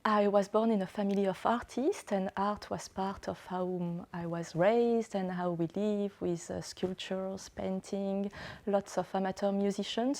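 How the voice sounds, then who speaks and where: A woman from France with a French accent, a guitarist, talking slowly and reflectively with many pauses. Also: mid-range voice, mellow. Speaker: classical guitarist. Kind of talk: interview monologue.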